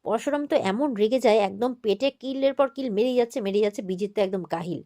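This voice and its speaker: A woman's voice: medium pitch, dark tone. A woman recapping a TV serial episode in a casual retelling, quoting the characters' lines as she goes. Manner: retells quickly, quoting each character's lines with light emphasis.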